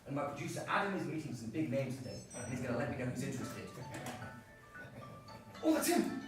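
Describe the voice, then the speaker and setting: A man's voice: medium pitch, lively intonation, rapid-fire, fairly bright tone, soft background music. A man performing a live solo comedy show, telling his story in a mock-earnest way. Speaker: stand-up performer. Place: theatre stage. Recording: echoey stage, far-off mic.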